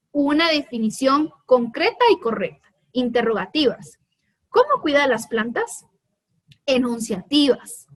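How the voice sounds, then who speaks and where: A woman's voice: high-pitched, fairly bright tone. A woman teacher with a Guatemalan Spanish accent giving a televised lesson, explaining step by step and asking the students rhetorical questions.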